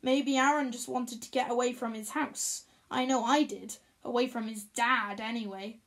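A woman narrating a first-person story in a measured, expressive reading. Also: on the high side. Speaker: audiobook reader.

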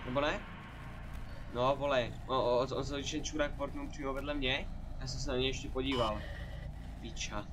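A young man streaming a horror game, cursing loudly and yelling when scared. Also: mid-range voice, steady tone. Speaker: gaming streamer. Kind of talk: live gameplay commentary. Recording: noticeable background noise.

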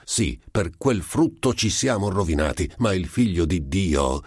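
A man's voice: low-pitched, sing-song, a little slow, a little mellow, slightly rough, no room sound, clean studio sound, pitched above the performer's own voice, heavily acted. A man voicing an earnest country priest who argues brusquely and fervently in defense of his faith, in an audiobook story. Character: old country priest, earnest, flustered and pious.

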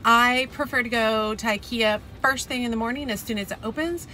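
A Texan woman in her thirties hosts a gardening video channel, narrating a casual vlog in a chatty, enthusiastic, folksy manner. Her voice sits on the high side and sounds pushed and bright, moving a little fast, and the recording quality is rough.

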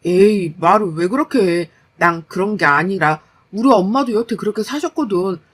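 A woman's voice: mid-range voice, normal speed, husky, natural voice. A woman voicing a lazy, defensive young husband who grumbles and brushes off complaints in a story. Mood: grumbling, defensive. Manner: whiny, dismissive.

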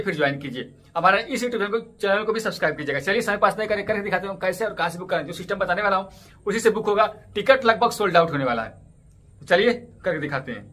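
A man in his thirties talks fast and chatty straight into a close webcam, his voice pitched high and bright. He walks through app steps one by one and keeps circling back to plug his channels. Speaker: cricket ticket update YouTuber. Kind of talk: casual tutorial vlog. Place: indoors in front of a green screen stadium backdrop.

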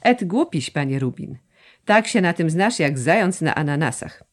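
A woman's voice: deep voice, animated, moderate pace. A woman voicing a cocky young male student in an audiobook, mocking and swaggering. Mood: sly.

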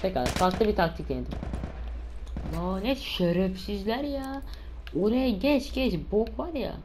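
A woman's voice: medium pitch, animated, unhurried, background noise. A woman giving let's play commentary, exasperated and cursing at enemies. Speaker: gamer playing a survival shooter.

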